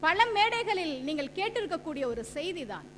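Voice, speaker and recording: A woman's voice: very high voice, very animated, a little fast, a bit bright. A woman giving a stage debate speech, quoting scripture and poetry and acting out anecdotes. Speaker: debate speaker. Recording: echoey hall with faint hum.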